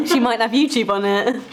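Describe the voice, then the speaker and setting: A woman's voice: sits high, breathy edge. A young woman chatting casually with friends, sounding tipsy and playful. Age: young adult. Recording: busy background chatter.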